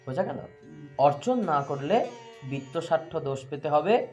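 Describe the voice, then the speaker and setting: A man's voice: on the high side, lively intonation, a little mellow, faint music behind. Man giving a devotional scripture talk. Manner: poses questions to listeners; chants Sanskrit verses slowly. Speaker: scripture teacher. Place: room with listeners. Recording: echoey, muffled, with faint sitar.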